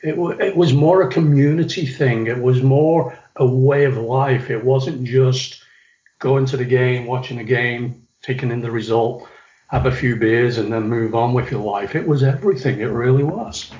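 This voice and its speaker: Speaking at normal speed in a medium-pitched, somewhat mellow voice, a middle-aged Englishman reflects on his youth as an interview guest, telling stories with a few restarts. The recording is echoey and a bit dull.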